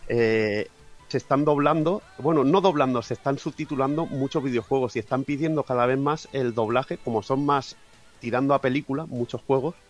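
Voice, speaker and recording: A man's voice: medium pitch, moderate pace, dull audio, soft background music. A man from Catalonia with a fairly neutral Spanish accent, chatting as a podcast guest, often restarting his phrases. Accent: fairly neutral Spanish from Spain. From Catalonia, Spain. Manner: chatty, with frequent restarts and fillers. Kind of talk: casual podcast interview.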